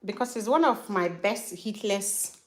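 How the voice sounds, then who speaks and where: A woman talking casually through a hair care tutorial, relaxed and chatty, with fillers as she works. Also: medium pitch, unhurried.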